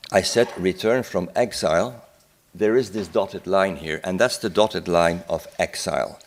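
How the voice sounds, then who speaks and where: An older male psychiatrist with a deep voice, whose first language is Dutch, lectures at a symposium in a conference hall. He's reflective and unhurried, dropping filler "eh?" asides and restarting sentences.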